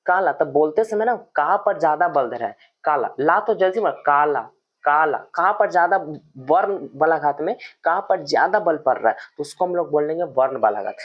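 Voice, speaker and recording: A male teacher giving an online grammar lesson, explaining slowly and repeating example words with heavy stress, calling the viewers friends. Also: on the high side, highs cut off.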